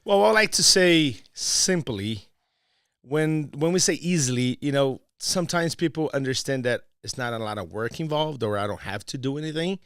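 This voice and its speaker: A Brazilian-accented man speaks as a guest on a casual podcast. His voice sits at an ordinary middle pitch. He moves between playful teasing and earnest pitching. The sound is dry and close. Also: animated, moderate pace, a bit bright, clear, resonant tone, no echo. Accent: Brazilian Portuguese. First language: Portuguese.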